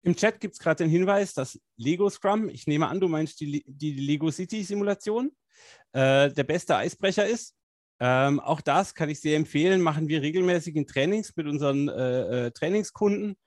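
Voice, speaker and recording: Male agile coach, upbeat chatty co-host, slightly higher voice, dry close sound. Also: moderate pace, no room sound. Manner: energetic, colloquial, many fillers. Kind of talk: casual live-stream chat.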